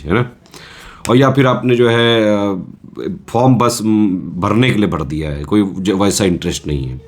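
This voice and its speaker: A man coaching exam students in a casual, reassuring lecture, often checking in with his listeners. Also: on the low side.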